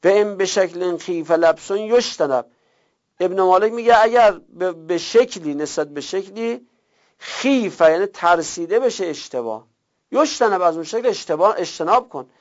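A man with a slightly high voice teaches a grammar lesson. He reads a text slowly, then explains it in quicker speech and recites word forms in long drills. The recording sounds dull and lo-fi. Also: lively intonation. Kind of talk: classroom lecture, reading and explaining a text.

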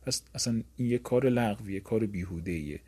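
A man teaching a grammar lesson, drilling word forms slowly and then explaining them quickly. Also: on the low side, mellow, slightly rough.

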